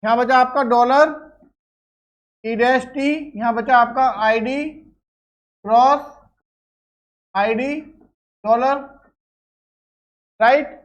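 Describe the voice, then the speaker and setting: High-voiced woman teaching a lecture. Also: fairly even intonation, drawn-out words, long pauses, lo-fi sound. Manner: explains step by step, checks with "clear?". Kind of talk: classroom lecture.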